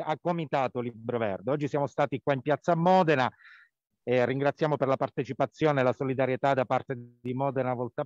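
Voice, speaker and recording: A man speaking over a mobile phone from an outdoor square, reporting from a rally as a health care worker and activist, halting with many fillers. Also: medium pitch, darkish tone, no room sound. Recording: dull lo-fi phone line.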